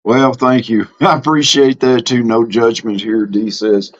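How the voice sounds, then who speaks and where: On his live stream, a middle-aged Mississippi man reads viewer comments in an easygoing, plainspoken Southern drawl, his pauses filled with ums and false starts. His pitch is ordinary and his intonation fairly even. The stream audio sounds dull and lo-fi.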